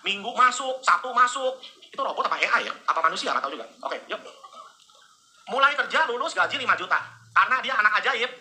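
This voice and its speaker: A man giving a motivational business seminar to a live audience, joking and teasing the crowd with quick asides. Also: sits high, pushed and bright.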